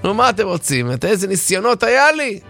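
A man voicing a vain, flashy young man who boasts and loudly protests. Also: sits high, very animated, vocal fry, faint music behind, pitched above the performer's own voice, full character voice. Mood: indignant. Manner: boastful, indignant, loud exclamations.

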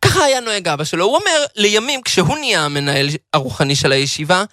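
Hebrew religious lecturer, man, very lively voice that swoops up and down, dry close sound, chanting storyteller. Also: high voice, no room sound. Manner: animated, acts out the people in the story. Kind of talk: storytelling Torah talk.

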